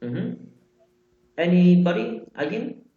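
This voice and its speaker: Speaking slowly in a high-sitting, gravelly voice with lively intonation, a male English teacher leads a live online language class. He patiently repeats example phrases and asks his students questions, captured in a dull, lo-fi recording from an echoey room.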